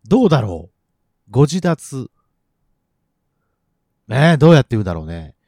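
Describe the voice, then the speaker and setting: A man's voice: mid-range voice, sing-song, very fast, vocal fry, darkish tone, no room sound, clean studio sound. A man co-hosting a casual podcast, playful and laughing often. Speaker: podcast co-host, saxophone player. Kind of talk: casual chat.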